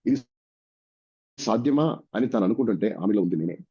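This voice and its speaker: A man's voice: lowish voice, lively intonation, a little fast, dark tone, slightly rough. A man from India with a Telugu accent preaching a sermon, telling a story and acting out its dialogue. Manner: dramatic, acts out the dialogue of the story. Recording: dull lo-fi recording.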